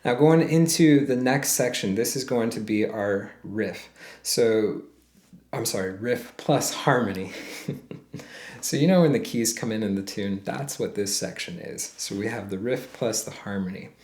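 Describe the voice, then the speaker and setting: A man's voice: fairly low pitch, a little slow, darkish tone. Roomy-sounding male ukulele teacher. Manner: patient, counts out beats and calls out frets. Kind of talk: step-by-step music lesson.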